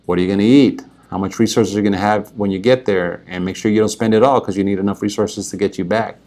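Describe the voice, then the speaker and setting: A man with a slightly low voice speaks as a financial advisor, explaining his services directly to the viewer. His delivery is earnest and persuasive, and he keeps checking in with the listener through little "right?" and "okay" asides. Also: a little mellow.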